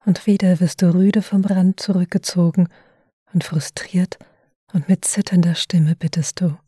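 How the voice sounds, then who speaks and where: A woman's voice: on the low side, steady tone, a little slow, mellow, slightly rough, no echo. A woman narrating a second-person audio story in an intimate, often unvoiced whisper, close to the mic.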